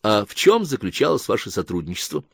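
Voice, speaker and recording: Brief: audiobook figure, soft-spoken radio interviewer, read by a man, cool and clinical, lower and quiet, dry close sound. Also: creaky, slightly rough, no room sound, heavily acted. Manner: calm, measured, soft, like a psychiatrist.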